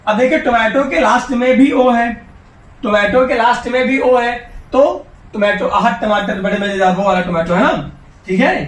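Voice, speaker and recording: An extremely high-pitched man talks at a normal speed as he teaches English grammar to children in classroom fashion. Addressing them directly, he encourages and coaxes them, running drills where he asks questions and answers them himself. The recording has room echo, with the voice distant.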